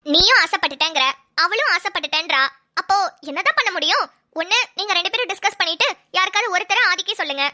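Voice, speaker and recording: A woman's voice: very high-pitched, lively intonation, quick pace, sharp tone, heavily acted. A woman voicing a mischievous, bossy young cartoon woman who teases and schemes. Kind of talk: cartoon voice acting.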